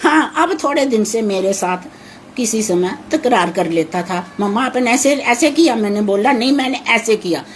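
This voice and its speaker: A woman's voice: fairly high pitch, lively intonation, moderate pace, slight background noise. An older woman with a naturally harsh-sounding voice, speaking anxiously about her missing son. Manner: anxious, pleading, repeats herself. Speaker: mother of a missing man. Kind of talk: emotional interview.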